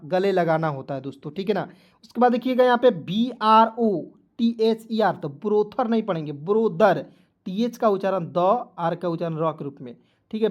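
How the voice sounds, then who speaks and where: Male online tutor, patient and repetitive, spells out words and quizzes his audience. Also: high-pitched. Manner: repetitive, addresses viewers as friends. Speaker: online English teacher. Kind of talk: Hindi-language video lesson.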